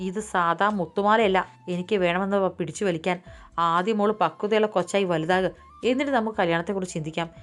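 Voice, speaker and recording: A woman's voice: lowish voice, fast, natural voice. A woman voicing a stern, dignified older matriarch who speaks firmly and gives orders, with faint music behind. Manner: firm, commanding.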